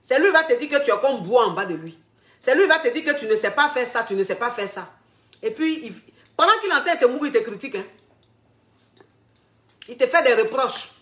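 A woman's voice: fairly high pitch, lively intonation, brisk, pauses often, a bit bright, roomy sound. A woman relationship coach talking to her followers, repeating herself with emphasis and asking rhetorical questions. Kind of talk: monologue to camera.

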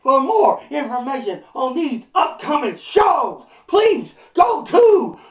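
Male wrestling promo announcer, loud shouted delivery, slow emphatic phrasing, echoey small-room sound. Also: very high-pitched, big pitch swings, dull audio. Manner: bellowing, hype-filled, emphatic. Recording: roomy, slightly distant, faint noise.

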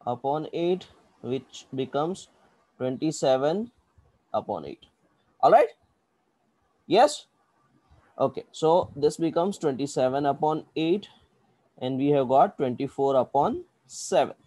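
A man with an Indian accent leads an online maths class in a relaxed, mellow voice. He explains one step at a time and keeps checking that learners follow. The sound is fairly dry, with little room echo. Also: on the high side. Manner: checks understanding often with short questions. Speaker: maths teacher. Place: indoors, online video class.

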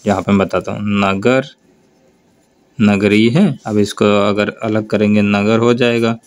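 A man teaching a grammar lesson for board exams, explaining slowly and over and over telling students to look and answer. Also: lowish voice, fairly even intonation, clean tone. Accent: North Indian Hindi. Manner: slow, drawn-out explanation with repeated prompts to look.

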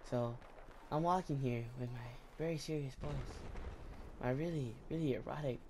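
A man giving casual, crude gameplay commentary, joking and repeating himself, with sudden loud excited outbursts. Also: mid-range voice, moderate pace, a crowd in the background. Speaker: gameplay video maker.

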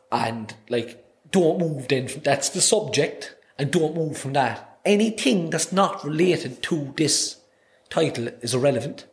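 This fairly high-pitched voice belongs to a man in his thirties from Ireland, speaking with a Cork accent. He's a singer-songwriter appearing as a podcast guest, and his casual chat wanders through stories full of restarts and repeated words. He speaks into a boom-arm desk mic in a small indoor podcast studio.

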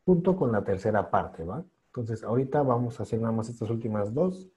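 Mellow-voiced man coaching pronunciation. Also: mid-range voice, expressive. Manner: patient, encouraging, drills sounds by slow repetition. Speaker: English pronunciation teacher. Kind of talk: online class pronunciation drill.

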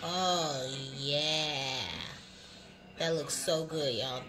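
A woman's voice: sits low, extremely slow, over loud music. A woman hosting a casual home cooking vlog, chatting to viewers as y'all and savoring her food with lots of mm sounds. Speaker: cooking vlogger. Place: home kitchen.

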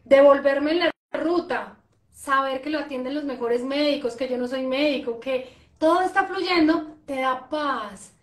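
Woman, high voice, animated and expressive, echoey room. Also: unhurried. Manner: animated, expressive, repeats phrases. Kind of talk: conversational interview.

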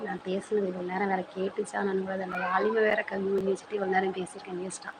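A woman's voice: medium pitch, level tone, fast. Thanjavur tamil lady chatting on a phone live, rambly, ribs her kid, noisy background. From Thanjavur, Tamil Nadu. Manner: chatty, rambling, teases her son off to the side. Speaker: channel host on a live stream. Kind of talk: casual live-stream chat. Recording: noisy home live-stream audio.

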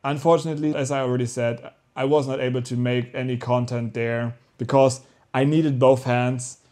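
A young man from Germany talking casually to camera as a vlog host, telling his story in an animated, rambling way with self-corrections. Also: mid-range voice, moderate pace. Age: young adult. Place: small rooms at home, indoors.

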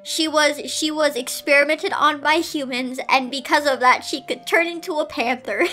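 A woman's voice: high-pitched, fairly even intonation, normal speed, sharp tone, faint music behind. A young woman reading an old fan story aloud, breaking off for giggly, sarcastic asides.

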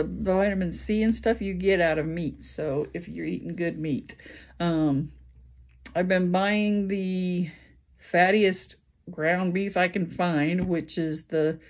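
A woman's voice: on the low side, a little mellow. A woman with a Midwestern American accent chatting casually in a home vlog, rambling with lots of ums and restarts and sounding tired. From Indiana, USA. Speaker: vlogger. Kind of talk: casual chat.

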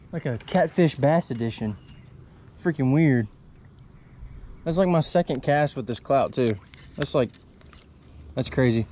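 Young male fishing vlogger, mellow voice, loose running commentary from a kayak, faint creek noise behind. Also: mid-range voice. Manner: chatty, talks to the fish, mild exclamations. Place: small kayak on a wooded creek outdoors. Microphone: chest-mounted action camera.

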